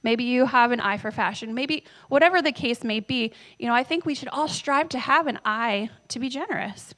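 A woman's voice: on the high side, normal speed, a bit bright. Woman pastor, chatty handheld-mic sermon. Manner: conversational, tells family stories, asks the audience questions. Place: church. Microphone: handheld microphone.

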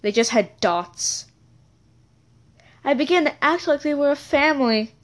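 A woman tells a childhood story in a loose, rambling way, stopping to correct herself and chat with her listeners. Her voice sits high and bounces around a lot in pitch. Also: animated, unhurried. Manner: rambling, self-correcting, chatty asides. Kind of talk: casual storytelling episode.

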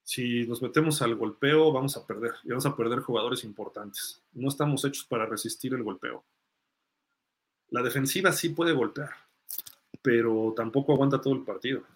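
With a medium-pitched voice at normal speed, a man hosts a live sports fan show in a relaxed, conversational manner. He works through his reasoning out loud while replying to listeners' comments.

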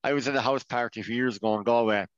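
A man's voice: mid-range voice, fairly even intonation, very fast, dry recording. An Irish man talking earnestly as a podcast guest, often restarting his sentences. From Ireland. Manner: earnest, many restarts and fillers. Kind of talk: casual conversation. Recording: dull, dry sound.

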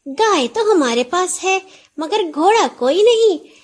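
Woman voicing a merry village wife, high and lively, calling out gleefully. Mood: delighted. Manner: bright exclaiming, calling out to servants. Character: cheerful peasant wife Nora, chirpy.

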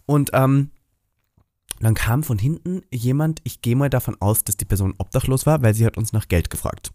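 A man's voice: mid-range voice, normal speed, dry recording, studio quality. A man co-hosting a podcast, telling stories in casual chat and dropping English phrases. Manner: animated storyteller, mixes English phrases. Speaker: podcast co-host.

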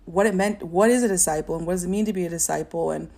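A young woman giving a personal testimony in an interview, talking in a halting, reflective way with many fillers and a stutter. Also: on the low side, creaky, darkish tone. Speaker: interview guest.

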